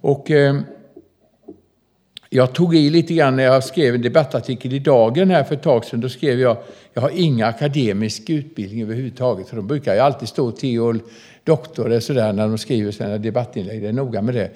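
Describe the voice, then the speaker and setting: Older man, prison minister, storytelling sermon, folksy, animated, middle-pitched voice. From southern Småland, Sweden. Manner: folksy, animated, addresses listeners directly.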